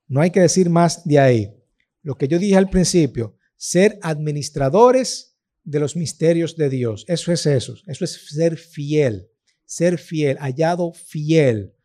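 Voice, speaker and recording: A man's voice: a little high, mellow. A man, preaching a sermon in an earnest, emphatic way and often checking in with his listeners. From Dominican Republic.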